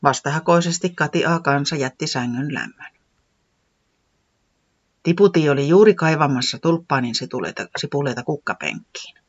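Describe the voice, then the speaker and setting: A storyteller reading a children's story aloud in a gentle, calm way. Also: medium pitch, breathy edge, muffled recording.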